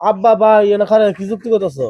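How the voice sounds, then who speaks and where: A man's voice: high-pitched, steady tone, fast, no echo, highs cut off, lightly acted. A man playing an eager younger brother who backs his sibling's scheme, speaking.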